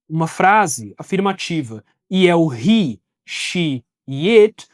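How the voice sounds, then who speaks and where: A woman with a Brazilian Portuguese accent, recording an online English lesson. She explains patiently in simple steps and says the English examples slowly and clearly. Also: medium pitch, darkish tone, no echo, clean studio sound. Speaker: English teacher. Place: video recording with an editor behind the camera.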